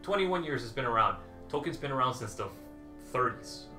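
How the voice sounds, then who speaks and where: Defending Lord of the Rings in a casual debate, a man in his thirties argues his case and rattles off figures, speaking fairly quickly with an expressive, pushed, bright medium-pitched voice. He's in a small, echoey indoor room crammed with movie memorabilia, with faint music behind.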